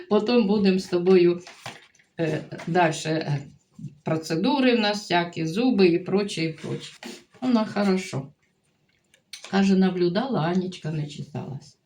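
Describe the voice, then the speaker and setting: A woman's voice: medium pitch, a little mellow, slight background noise. An older woman from Ukraine chatting casually in a home vlog, rambling and mixing two languages as she talks. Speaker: vlogger grandmother.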